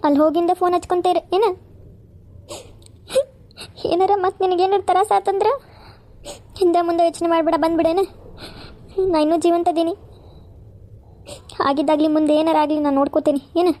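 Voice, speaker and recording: A woman's voice: very high voice, little pitch movement, fairly quick, pauses often, dark tone, voice pushed up. A woman voicing a caring, protective elder sister who coaxes and scolds. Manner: coaxing, then firm and scolding.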